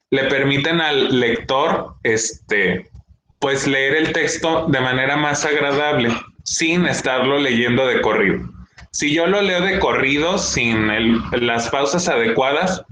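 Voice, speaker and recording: A man's voice: mid-range voice, sharp tone, reverberant, slight background noise, rough recording. A young adult male teacher gives a patient classroom lesson and checks in with his students often. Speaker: schoolteacher.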